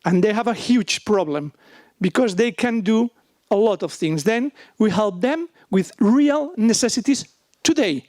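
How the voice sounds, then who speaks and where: A man from Spain with a Spanish accent, presenting in halting, Spanglish-style non-native English, searching for words. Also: sits high, lively intonation, a little mellow, dry recording, clean studio sound. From Barcelona, Spain. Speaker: software company presenter. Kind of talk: business presentation with questions.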